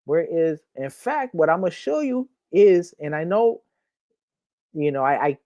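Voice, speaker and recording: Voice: medium pitch, very animated, a little slow, dark tone, dry recording, muffled recording. A crypto channel host talking viewers through a screen walkthrough, hyped up and repeating "okay?" and "right here" as they go. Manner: addresses viewers as "my people".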